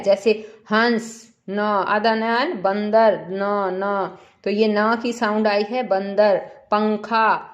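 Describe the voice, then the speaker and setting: Slow, patient woman teaching children. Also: medium pitch. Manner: patient, explains slowly with repeated examples and questions to pupils. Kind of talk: school lesson for children.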